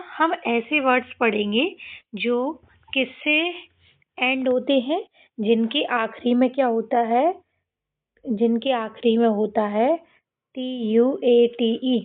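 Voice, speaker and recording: A woman teaching children to read English words, repeating each sound and asking them questions as she goes. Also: fairly high pitch. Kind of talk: slow explanatory lesson to children. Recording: tinny phone-like recording.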